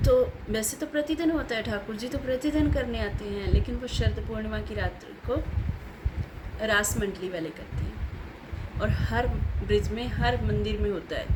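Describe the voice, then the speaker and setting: A woman telling a devotional story as a sermon, in a lively way, acting out the dialogue. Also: mid-range voice, noisy background.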